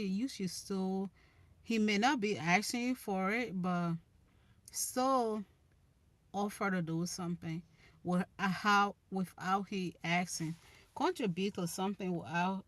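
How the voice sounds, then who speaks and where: Speaking in a medium-pitched voice with no echo, a young woman from Liberia runs a casual live chat about relationships. She answers viewers with earnest advice in her Liberian accent, frequently starting her phrases over.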